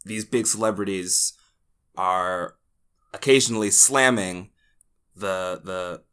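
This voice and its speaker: American guy hosting, deep smooth voice, asks long wandering questions with lots of uhs. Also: takes it slowly, a bit bright. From United States. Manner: long rambling questions with fillers. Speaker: podcast host. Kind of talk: interview questions.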